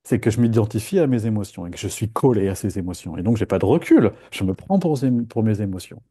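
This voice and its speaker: A man leading a live meditation talk in a playful, lively way, acting out inner voices. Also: fairly low pitch, fast talker, breathy edge. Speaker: meditation teacher.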